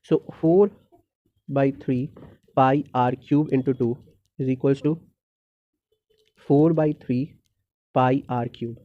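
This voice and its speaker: A man tutoring through exam problems, thinking out loud step by step in a halting, unscripted way with pauses and self-corrections. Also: medium pitch, fairly even intonation. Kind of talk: unscripted problem-solving lesson. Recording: dull lo-fi microphone.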